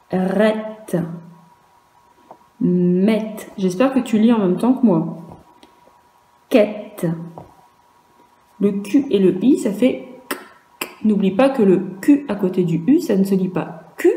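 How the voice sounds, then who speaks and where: A woman with a French accent teaching young children, speaking slowly and patiently, drawing out sounds and asking questions aloud. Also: mid-range voice, mellow, echoey room. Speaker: primary school teacher. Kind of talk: recorded virtual class lesson for young children.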